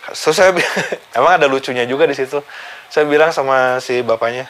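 A man, casually recounting a personal story for his vlog, animated and chuckling now and then. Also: mid-range voice, fairly quick, slight background noise. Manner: animated, chuckles while telling, acts out the quoted voices. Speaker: vlogger recounting his accident.

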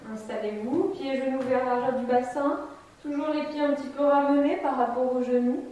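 In a big, echoey, bright room with a wooden floor and nothing else in it, a high-voiced woman in her thirties calmly cues a guided chair exercise class step by step while demonstrating. She's recorded from a distance on a camera mic, so her voice sounds far away.

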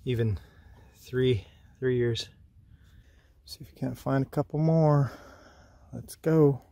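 A man's voice: mid-range voice, slow, warm tone. A man in his thirties from Canada talking casually and enthusiastically in slangy, folksy phrases as an outdoor vlogger. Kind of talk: casual vlog commentary while shed antler hunting. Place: outdoors on wooded, rocky hillsides. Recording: clearly noisy outdoor handheld recording.

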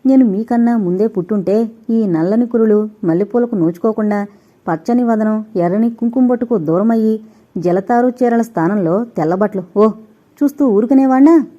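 A woman's voice: on the high side, normal speed, mellow, natural voice. A woman voicing an earnest young man who pleads emotionally, in a storybook reading. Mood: pleading. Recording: dull lo-fi recording.

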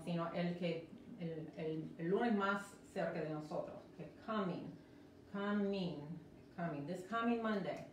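A woman teaching a live-streamed English lesson, explaining slowly and repeating each word several times, with American English when she models words. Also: mid-range voice, darkish tone, a little hiss or hum. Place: indoor room, live stream. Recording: roomy echo from a distant mic.

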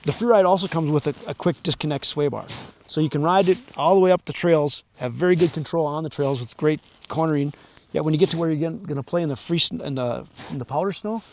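A man with a fairly high, slightly mellow voice represents the maker, giving a straightforward walkaround of a snowmobile at a snowy outdoor sled event. A little hiss or hum sits under the recording.

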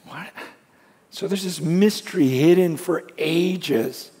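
Husky man preaching in a big hall. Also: a little high, slow. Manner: passionate, swings between hushed and loud. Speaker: pastor. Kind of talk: sermon. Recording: long hall reverb.

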